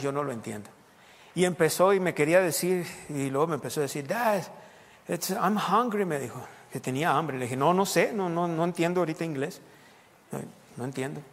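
A pastor preaches a sermon in a church sanctuary, his slightly high voice trailing a long reverb. He tells stories in a lively way, laughing often and breaking into short prayers and praises.

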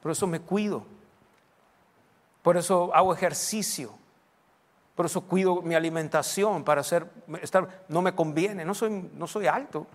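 A man, a pastor preaching a sermon, animated, who mimics how people pray. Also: high-pitched, measured pace. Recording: hall with long reverb.

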